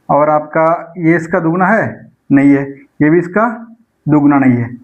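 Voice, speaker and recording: A man's voice: high voice, poor audio. A man teaching an online maths lecture for an exam. He explains each step and keeps asking his students rhetorical questions. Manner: repeats numbers slowly while working problems.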